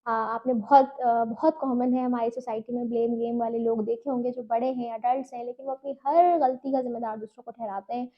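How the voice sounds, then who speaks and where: A woman's voice: a little high, fairly even intonation, brisk, few pauses, muffled recording. A woman from Pakistan, giving earnest parenting advice and mixing in English phrases. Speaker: parenting coach.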